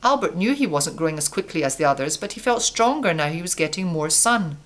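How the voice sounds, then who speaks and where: Woman reading a storybook, low voice. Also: animated, a little fast. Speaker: narrator.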